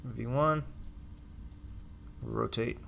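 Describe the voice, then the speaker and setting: A man's voice: medium pitch, drawn-out words, gravelly, fairly bright tone, slight background noise. A man making clipped, matter-of-fact pilot radio calls and cockpit callouts. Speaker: flight sim streamer.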